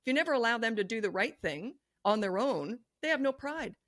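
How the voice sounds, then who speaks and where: A woman's voice: on the high side, expressive, brisk, a bit bright, no echo. Blunt middle-aged lady coach giving tough advice, no nonsense, dry studio mic. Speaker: parenting coach, guest. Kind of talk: podcast interview advice.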